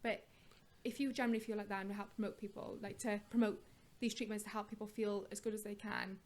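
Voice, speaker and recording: A woman's voice: mid-range voice, little pitch movement, quick pace. A woman, a nurse hosting a podcast, chatting and telling stories with lots of "like". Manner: chatty, warm storyteller, lots of "like". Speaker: podcast host, aesthetics nurse. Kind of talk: casual interview chat.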